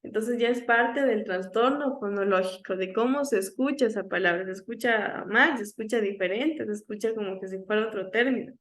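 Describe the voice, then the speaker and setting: A woman teaching an online class, lecturing and checking in often with her students, sometimes slowly sounding out speech sounds to demonstrate them. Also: medium pitch. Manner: checks in with frequent "¿ya?".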